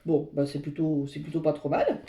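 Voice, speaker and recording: A woman's voice: low-pitched, level tone, normal speed, lo-fi sound, background noise. A woman giving a tarot card reading to her viewers, meandering and searching for words as she speaks to them directly. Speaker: tarot reader. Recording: roomy echo.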